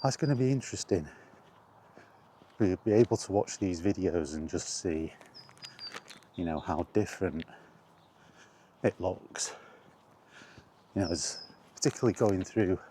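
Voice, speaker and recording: Out on a walk, a man with a deep, mellow voice rambles casually, thinking aloud in short, unhurried phrases. He hosts a walk-and-talk retro gaming vlog, and some outdoor noise surrounds him.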